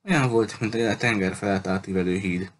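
A man reading a novel aloud in a steady, measured way. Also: lowish voice, a little hiss or hum. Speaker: audiobook reader.

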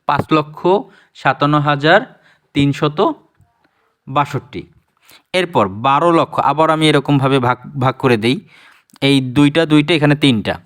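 A man's voice: medium pitch, fairly bright tone. A man with a Bangladeshi Bengali accent teaching a primary school math lesson online. He counts digits aloud and often stops to correct himself. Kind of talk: online lesson explaining place value.

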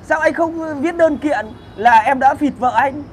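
A whining, pleading young man, as a man puts him on, drawn out and slow in a raised voice. Street traffic noise runs behind it. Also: very high voice, voice pushed up.

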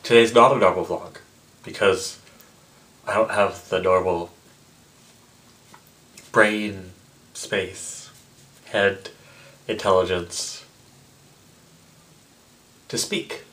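Low-voiced tipsy young man, rambling. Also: steady tone, a bit bright, low-quality recording. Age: 20s. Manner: rambling, halting, repeating himself, mock-indignant asides. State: tipsy from drinking. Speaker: vlogger. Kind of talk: casual rambling vlog to camera. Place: small indoor room with block wall, seated close to camera.

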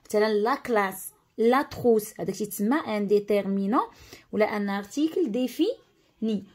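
A woman with a Moroccan accent teaches pupils in a mellow, fairly high voice. She slips French terms into her Arabic and keeps checking that the class has understood. Her delivery is patient and explanatory. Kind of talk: explaining a school lesson.

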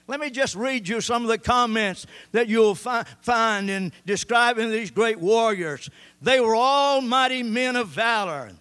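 An older pastor with a very high-pitched, fairly bright and smooth voice preaches a sermon on an indoor church stage with band gear. Holding a handheld mic, he reads scripture and gestures while he talks.

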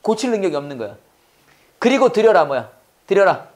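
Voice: medium pitch, sing-song, a little mellow. An English teacher running a Bible-based lesson, quizzing the class and drilling phrases in call-and-response. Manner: quizzing, repeats phrases slowly for learners.

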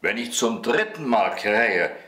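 A man voicing a golden rooster on a church tower, calling down slowly, in a bedtime story reading. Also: on the low side, expressive, bright, forceful tone, full character voice. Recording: roomy echo.

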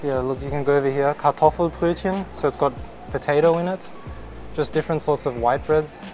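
A man's voice: a little high, fairly quick, music in the background. A man speaking through a face mask in a supermarket, chatting casually and curiously as he shows products to his viewers. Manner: chatty, curious, explaining as he browses. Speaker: vlogger. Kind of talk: casual walk-and-talk vlog. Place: indoors in a supermarket.

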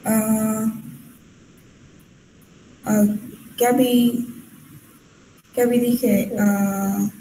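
A woman's voice: on the high side, flat delivery, dark tone. A woman student reading a text aloud in class, hesitant and correcting herself. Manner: hesitant, halting, self-correcting. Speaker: language student. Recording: echoey room with faint noise.

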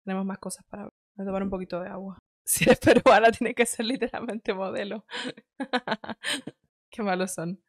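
Reacting to clips from her shelf-lined home studio, this host is a woman in her thirties from Cuba with a slight Cuban Spanish accent. Her casual commentary is rapid, talkative and opinionated, with plenty of self-corrections. Her pitch is medium and her intonation fairly even, picked up without echo by a headset and a studio mic on an arm.

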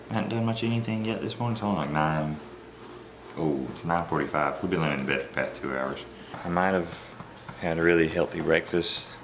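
Young man, very low voice, casual rambling vlog talk, noisy camera audio with car hum. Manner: rambling, relaxed, filler-heavy. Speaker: vlogger. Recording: noisy home video, car noise.

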